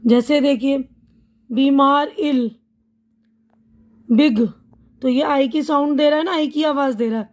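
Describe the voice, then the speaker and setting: Woman, English teacher, high voice, deliberate word-by-word drills. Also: a little mellow. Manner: patient, repeats each word with its meaning. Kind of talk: slow spoken-language lesson.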